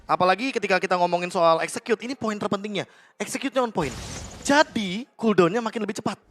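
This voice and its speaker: A man's voice: sits high, fast talker, fairly bright tone, a little hiss or hum. A man with an Indonesian accent giving analytical esports caster commentary, explaining play with English game terms mixed in.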